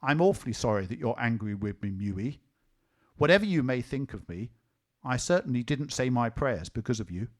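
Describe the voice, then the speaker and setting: A man voices a sleepy, earnest little boy who reasons with his sister in a scolding, somewhat stubborn way. His medium-pitched delivery is expressive and moderately paced, in his natural voice.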